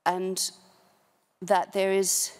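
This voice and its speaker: In a large indoor conference hall, a middle-aged woman on a policy forum panel speaks closely into a desk gooseneck microphone. She is a company human rights director giving prepared remarks off the cuff, her medium-pitched voice completely flat, her delivery measured and halting, her vocabulary formal.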